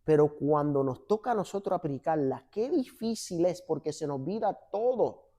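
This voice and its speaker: A man's voice: on the high side, moderate pace. A man, a pastor, preaching in a church and acting out dialogue as he tells stories. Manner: animated storytelling, acts out dialogue. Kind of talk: sermon with church banter. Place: church sanctuary.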